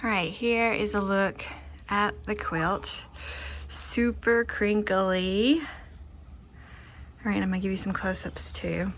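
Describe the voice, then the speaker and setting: Casual crafting host, female, medium pitch, chatty and self-effacing presentation, recorded with light ambient noise. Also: fairly even intonation, slow pace, long pauses, a bit bright. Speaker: quilter presenting her own finished quilt. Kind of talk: casual show-and-tell vlog.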